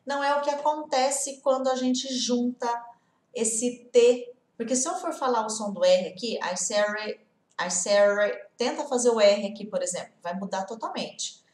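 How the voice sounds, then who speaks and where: A woman's voice: fairly high pitch, moderate pace, a little mellow, roomy sound. A young Brazilian woman with a Portuguese accent from the interior of São Paulo state, teaching English in a casual online lesson. She talks patiently and often checks in with the viewer.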